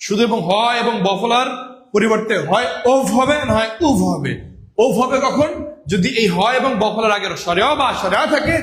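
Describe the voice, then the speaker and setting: A man's voice: very high voice, normal speed, fairly bright tone, roomy sound. A man teaching a live online grammar class, repeating points and asking questions he answers himself, addressing viewers as brothers and sisters. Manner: repetitive, asks and answers own questions. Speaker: online exam-prep teacher.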